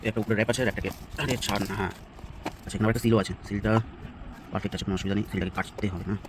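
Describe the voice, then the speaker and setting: Talking at a racing pace in a steady, lowish voice, this man thinks aloud in brief, casual remarks much like a vlogger reviewing a product. Ambient and vehicle noise is clearly audible throughout.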